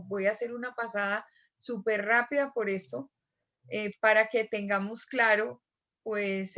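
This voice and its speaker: A woman, a teacher giving an online class lecture, explaining step by step and repeating examples slowly. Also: medium pitch, fairly bright tone, muffled recording.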